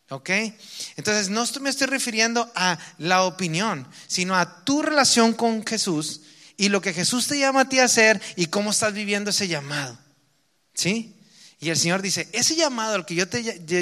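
A man with a Mexican accent preaching a sermon, reading scripture slowly and emphatically, then explaining it in casual asides. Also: high-pitched, pushed and bright, big-room sound. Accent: Mexican Spanish.

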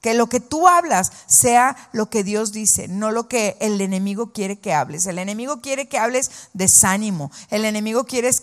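A woman preaching a sermon to women, reading scripture slowly and having the audience repeat lines after her. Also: medium pitch, expressive. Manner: slow, emphatic reading of scripture. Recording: long reverb of a hall.

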